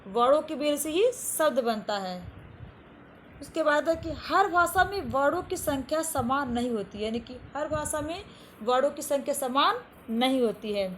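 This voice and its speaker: Casting: woman teacher, high voice, patient and repetitive, faint hiss behind. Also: lively intonation. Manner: repeats each definition slowly, asks and answers own questions. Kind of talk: classroom lesson to children.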